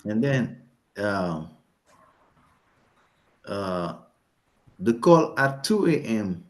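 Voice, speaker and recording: A man's voice: on the low side, sing-song, very slow. A male student answering in class, tentative and searching for words.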